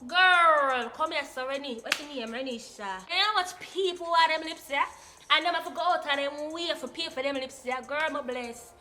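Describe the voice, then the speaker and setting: Jamaican woman, high piercing tone, casual vlog banter, reads comments and claps back sarcastically. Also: moderate pace, bright, forceful tone, a little hiss or hum. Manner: sassy, sarcastic retorts to read-out comments. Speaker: co-host of a YouTube reaction video.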